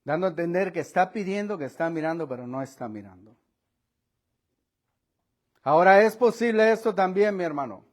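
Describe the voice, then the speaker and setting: A high-voiced man preaching a sermon. He swings from quiet, low asides to loud, raised lines and acts out the voices of the people in the story. He laughs between points and keeps calling his listeners brother. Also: animated, moderate pace, long pauses. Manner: preaching with dramatic shifts in pitch and volume, acting out voices. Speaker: pastor. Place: church.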